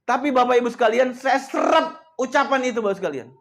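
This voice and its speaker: High-voiced man giving a motivational speech. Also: fast talker, gravelly. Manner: addresses listeners directly and often; swings between hushed, soft passages and loud emphatic outbursts. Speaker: motivational coach.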